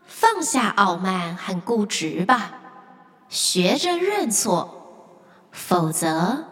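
A woman voicing a mysterious lake spirit in a children's story, solemn and admonishing, with drawn-out words. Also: mid-range voice, big-room sound, pitched below the performer's own voice. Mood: solemn warning. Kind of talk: children's story character acting.

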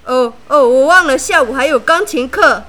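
A woman's voice: high-pitched, fairly bright tone. Woman doing flustered fleeing kids. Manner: hurried, nervous, fast excuses. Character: flustered little friends making excuses to flee.

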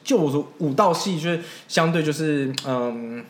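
A man's voice: fairly high pitch, normal speed, echoey room. A man hosting a casual podcast chat, telling rambling anecdotes and laughing at his own stories. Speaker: podcast host.

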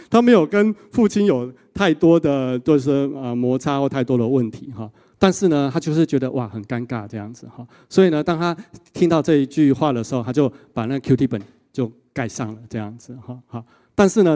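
Animated male preacher. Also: medium pitch. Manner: animated storytelling with a frequent 哈 tag. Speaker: pastor. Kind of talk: sermon.

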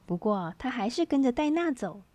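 A woman reading a children's picture book aloud in a lively, expressive way. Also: a little high, moderate pace, no room sound. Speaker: storyteller.

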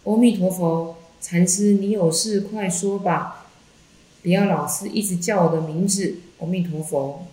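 A woman's voice: lowish voice, fairly even intonation, unhurried, dark tone, close to an everyday voice. A woman voicing an earnest, devout male lay Buddhist who grows a little impatient, in an echoey room.

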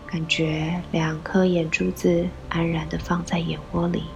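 A woman leading a guided meditation, gently giving instructions in a soft, breathy voice with pauses. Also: on the low side, level tone. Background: background music.

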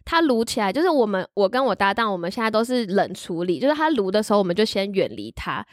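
Fast-talking young woman telling a story. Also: mid-range voice, no room sound, studio quality. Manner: animated storytelling, acts out quotes. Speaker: podcast co-host, teacher. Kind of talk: casual chat.

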